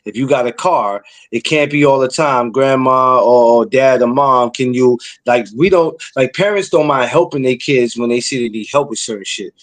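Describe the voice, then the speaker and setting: Blunt streetwise podcast host. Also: male voice, mid-range voice, normal speed, hardly any pauses. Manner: blunt, preachy, streetwise slang. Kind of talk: casual podcast chat.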